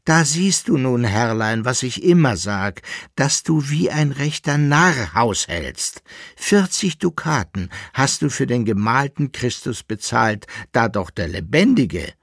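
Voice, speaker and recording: Man doing a coarse impudent servant, shrill, loud, cheeky, slow delivery, dry sound. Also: big pitch swings, breathy edge, no room sound, heavily acted. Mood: brash.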